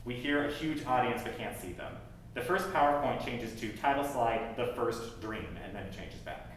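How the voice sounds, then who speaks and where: A man reading stage directions aloud in a plain, steady way at a table read. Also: medium pitch, normal speed, a little hiss or hum. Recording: echoey room from far off.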